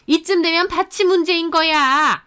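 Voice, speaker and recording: A woman voicing a bossy, harsh middle-aged mother-in-law in a radio drama, talking in a sharp, scornful way. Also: very high-pitched, normal speed, pitched above the performer's own voice. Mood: scolding. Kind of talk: Korean story radio drama.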